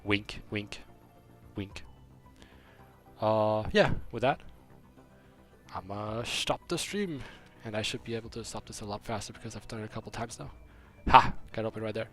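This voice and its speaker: Faint music sits behind this young man from Germany, whose voice is on the low side yet fairly bright, at normal speed. Slightly accented, he reads chat on a game stream and rambles through a story with many restarts.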